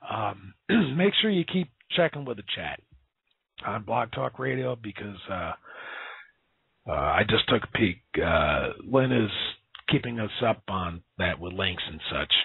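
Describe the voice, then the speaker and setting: A hoarse, husky man hosts a call-in radio talk show, talking in an excited, emphatic way with plenty of fillers. His voice comes through dry and thin, like a phone line. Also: lowish voice, measured pace, no room sound. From US Gulf coast.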